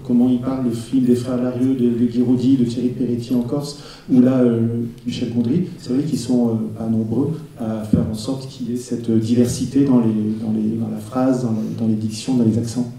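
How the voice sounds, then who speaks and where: A man with a very dark, flat voice speaking measuredly on a public panel, often pausing with hesitations. He is distant in a very echoey hall. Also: medium pitch.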